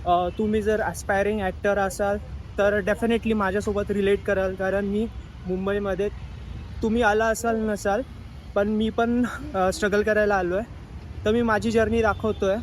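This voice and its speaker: A man's voice: high voice, moderate pace, a little hiss or hum, rough recording. A young man chatting casually in his daily vlog, mixing English words into his talk, recorded on a phone. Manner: relaxed chatty, mixes English words into Marathi. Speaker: vlogger, aspiring actor. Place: Mumbai, indoors and out on the street. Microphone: phone held while vlogging.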